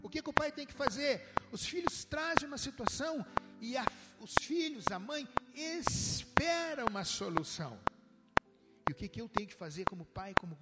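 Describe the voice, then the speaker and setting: A middle-aged man delivers a sermon from a church pulpit. His voice sits fairly high and swings widely up and down with animated emphasis. Loud instrumental music plays underneath throughout. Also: normal speed. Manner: animated preaching, swooping from low to high. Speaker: pastor.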